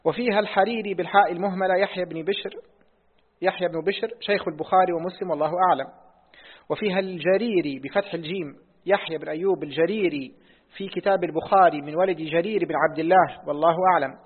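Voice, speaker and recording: Brief: male student reciting a text in a lesson, husky voice, tinny hall recording. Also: on the high side, steady tone. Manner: reads quickly, repeats lines on request. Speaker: student reading the text aloud. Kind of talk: reading a hadith text in class. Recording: tinny phone-like audio in a reverberant hall.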